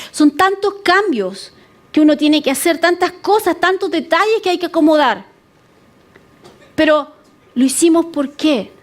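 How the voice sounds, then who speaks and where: A woman pastor preaching with a high, clear-toned voice. She talks earnestly and repeats key words to drive them home. At times she acts out prayers in a pleading tone. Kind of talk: sermon.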